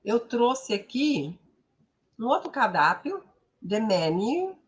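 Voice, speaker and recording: Lively Brazilian English teacher, slow and repetitive. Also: female voice, fairly high pitch. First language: Portuguese. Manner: repeats words slowly for pronunciation, asks tag questions. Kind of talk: didactic explanation of pronunciation.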